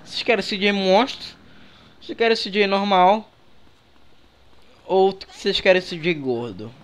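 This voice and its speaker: Young brazilian dude on a headset, laid-back gameplay chatter, talks to the viewers like friends. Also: male voice, sits high, moderate pace. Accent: Brazilian Portuguese. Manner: relaxed, slangy, chatty with viewers. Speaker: gaming youtuber. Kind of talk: casual gameplay commentary. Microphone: headset microphone.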